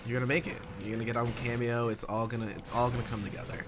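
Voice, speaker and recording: A man hosting a stream, chatting excitedly and reading out donations. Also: mid-range voice, rapid-fire, noisy background. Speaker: stream host. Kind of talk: casual chat. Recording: faint music behind.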